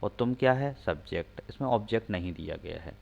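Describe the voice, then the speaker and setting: A man teaching English grammar, slowly spelling out example sentences word by word and asking questions he answers himself. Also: fairly low pitch, animated, gravelly, darkish tone. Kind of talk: classroom-style explaining lesson. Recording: slightly dull lo-fi recording.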